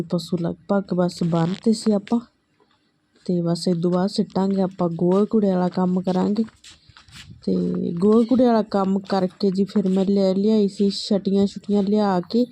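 A woman's voice: mid-range voice, fairly even intonation, moderate pace, mellow. A woman with a Malwai Punjabi accent narrates her daily chores in a casual, chatty, homely vlog style. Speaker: family vlogger.

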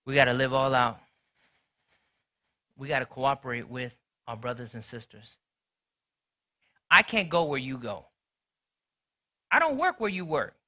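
A man preaching a sermon in a conversational, storytelling way, swinging between loud and hushed delivery. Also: mid-range voice, animated, unhurried, pauses often. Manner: conversational, storytelling with sports talk. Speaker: pastor.

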